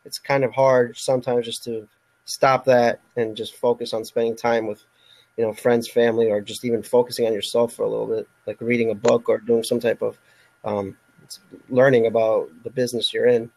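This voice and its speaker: A man's voice: medium pitch, little pitch movement, a little fast, creaky, darkish tone, rough recording. A man co-hosting a podcast interview, speaking in a reflective, thoughtful way. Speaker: podcast co-host.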